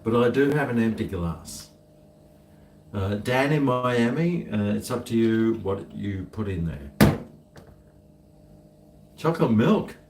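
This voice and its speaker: Casual male streamer, broad Kiwi accent, unhurried laid-back rambling, recorded off-mic in an echoey room. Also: lowish voice, lively intonation, vocal fry. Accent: New Zealand. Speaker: streamer chatting to viewers. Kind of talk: casual rambling chat to viewers. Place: indoors, home kitchen. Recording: echoey room, distant mic, faint noise.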